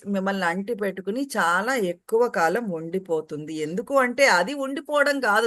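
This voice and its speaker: Calm woman giving a spiritual talk. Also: mid-range voice. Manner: calm, explanatory, with acted everyday quotes; recites Sanskrit verses. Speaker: spiritual teacher translating commentary. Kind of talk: spiritual discourse.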